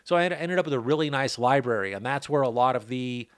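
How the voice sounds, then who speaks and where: With lively intonation and a fast, smooth delivery, a middle-aged podcast host chats in a loose, rambling style full of joking asides. He grows cannabis and sounds laid-back; his mid-range voice is close-miked with no room sound.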